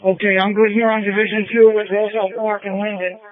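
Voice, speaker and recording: A man's voice: sits high, level tone, quick pace, dry recording. A man supervising a fire crew, reporting in fireground traffic over a two-way radio. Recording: tinny narrow-band fire radio.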